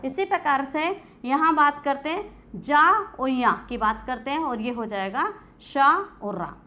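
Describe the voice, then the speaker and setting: A woman's voice: sits high, unhurried, sharp tone. A woman teacher giving a classroom grammar lecture, asking questions and answering them herself. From India. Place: coaching class.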